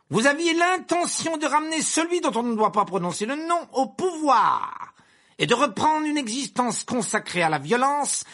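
A man doing a stern older male judge, thundering his verdicts in a high, bright, strained voice with a husky edge. The fury is cold and unrelenting, as in a dramatic audiobook. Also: exaggerated voice. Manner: thundering, declaiming. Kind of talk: audiobook character voice.

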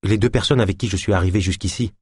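A man's voice: low-pitched, quick pace, darkish tone, breathy edge, no room sound, studio quality. A man playing an earnest, worried young male hero who speaks defensively, in an audiobook.

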